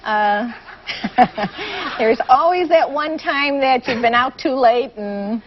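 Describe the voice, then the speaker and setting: A woman in her sixties takes part in a game show. Her voice is high and she speaks slowly, with wry humour. The old TV recording sounds muffled. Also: lively intonation. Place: TV studio with audience. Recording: dull vintage TV recording, faint noise.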